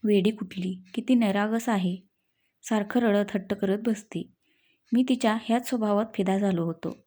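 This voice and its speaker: A woman's voice: medium pitch, normal speed, dark tone, natural voice. A woman voicing an affectionate, teasing young husband in a read-aloud story. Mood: gentle. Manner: playful, coaxing.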